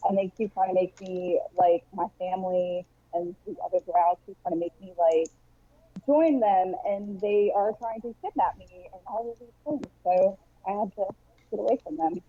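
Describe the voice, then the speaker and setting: A woman's voice: medium pitch, moderate pace, dry recording. A woman chatting casually as a tabletop game player, her voice muffled as if she were talking inside a cardboard box through a headset. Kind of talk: casual chat. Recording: muffled, phone-like headset mic.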